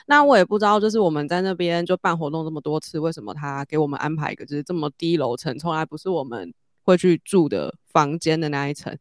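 A woman, telling a story in casual chat and growing animated as she goes. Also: quick pace, no echo, clean studio sound. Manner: animated, rises high when excited.

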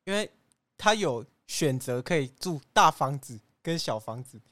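Man, podcast guest, deadpan, smug, dry close mic. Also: on the high side, a little slow, dry recording. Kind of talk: comedic podcast banter.

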